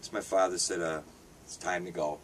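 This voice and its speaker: Answering an interviewer with lots of fillers and restarts, a hesitant Hungarian man in his fifties who works as a street paper vendor and artist speaks fairly quickly. His pitch is low and his tone steady, heard through a distant mic with faint noise behind.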